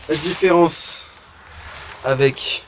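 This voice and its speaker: A man's voice: on the high side, slow, a little hiss or hum. Chatty man filming his car. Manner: chatty, hesitant with many fillers, pointing things out. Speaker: car enthusiast showing his car. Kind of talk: casual garage walkaround. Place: garage, in and around a car.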